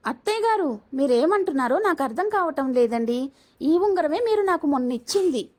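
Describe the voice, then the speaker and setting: A woman voicing a patient, polite young daughter-in-law who speaks pleadingly and gently. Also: sits high, animated, normal speed, pitched above the performer's own voice. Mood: bewildered.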